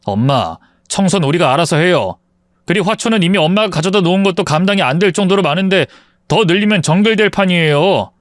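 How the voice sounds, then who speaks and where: A man's voice: sits high, expressive, quick pace, no echo, studio quality, pitched above the performer's own voice. Man playing a firm protective young husband. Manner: firm, exasperated pleading. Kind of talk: storybook voice acting.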